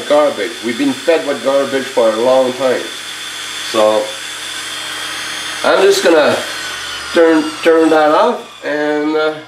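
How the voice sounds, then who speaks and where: A man's voice: medium pitch, recorded from a distance, noisy background. A man who is sick with a virus talks bluntly and emphatically, repeating himself as he demonstrates his inventions. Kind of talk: casual workshop video talk. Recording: roomy sound from off-mic.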